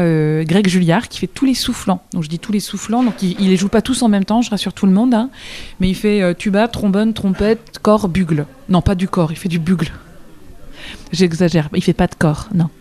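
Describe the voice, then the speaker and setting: A woman's voice: lowish voice, a little fast, dark tone. A woman musician being interviewed on the radio, talking chattily and enthusiastically, with frequent restarts and easy laughter. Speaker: musician guest.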